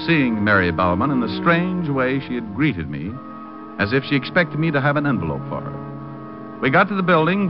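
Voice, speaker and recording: A man's voice: lowish voice, lightly acted. A man playing a wry, hardboiled American private detective in an old radio drama, clipped and matter-of-fact. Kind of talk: 1940s-50s radio drama, first-person detective narration. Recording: muffled old radio recording, music behind.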